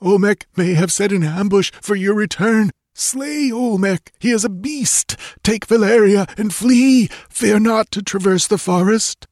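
A man's voice: high-pitched, a little mellow, dry recording, studio quality, pitched above the performer's own voice. A man voicing a wounded warrior who is dying, gurgling and choking out urgent warnings. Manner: gurgling, choked urgent pleading.

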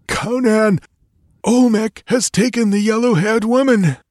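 A man's voice: high voice, unhurried, darkish tone, no room sound, studio quality, voice pushed up. A man voicing a wounded warrior who is dying, gurgling and choking out urgent warnings. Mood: desperate dying. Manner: gurgling, choked urgent pleading.

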